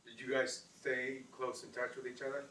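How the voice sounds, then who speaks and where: A man interviewing casually, asking informal questions with halting follow-ups. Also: mid-range voice, level tone, pushed and bright, distant mic. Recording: roomy, off-mic, faint background noise.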